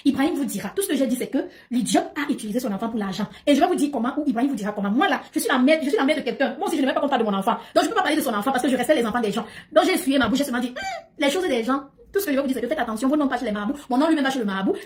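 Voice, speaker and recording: Woman, very fast, higher voice, emphatic, repetitive livestream chatter. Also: lively intonation. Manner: talkative, emphatic, repeats phrases. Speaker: livestream host. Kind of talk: casual livestream chat.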